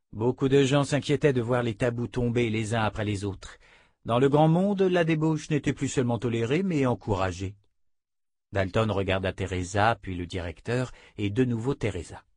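A man narrates an audiobook in a measured, even storytelling manner. His pitch is medium, and the clean studio recording has no echo.

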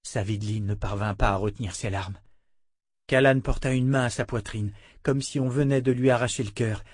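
A man narrating a fantasy novel in measured storytelling style. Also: mid-range voice, a little mellow, dry recording, studio quality. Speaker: audiobook narrator. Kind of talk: scripted narration.

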